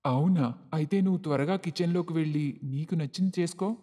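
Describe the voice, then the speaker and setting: An easygoing man, as a woman narrator puts him on speaks in a lowered, mellow, dark voice. He sounds set back from the mic in long reverb with music underneath. His tone stays calm and unhurried. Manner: low, mellow put-on male voice. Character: middle-aged husband and son, calm, easygoing.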